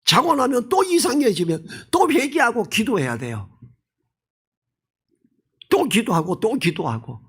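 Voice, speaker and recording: A male pastor giving an expository sermon in a lively, conversational way, mixing in stories from his own life. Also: high-pitched, unhurried, pauses often, husky. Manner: animated, personal storytelling; colloquial, conversational preaching.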